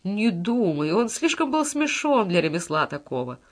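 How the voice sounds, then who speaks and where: Anguished envious male composer in a classic verse drama, as a woman reader puts him on, solemn and declaiming, with a middle-pitched voice. He lingers over each line of grief and guilt, as if weighed down by what he has done. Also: sing-song, moderate pace. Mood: strained.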